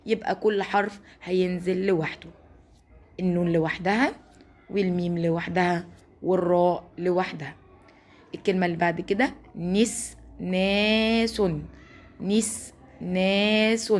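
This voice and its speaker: A woman teacher with an Egyptian accent gives a recorded lesson to first graders. She draws out sounds and words slowly and praises the class as she goes. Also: medium pitch. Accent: Egyptian Arabic. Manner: slow, drawn-out spelling of sounds and words. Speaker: primary school teacher.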